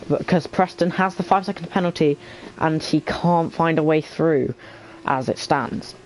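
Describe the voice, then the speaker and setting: Higher-pitched man calling a race. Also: a little slow, poor audio. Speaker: lead commentator. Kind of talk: casual sim racing league commentary. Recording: faint background noise.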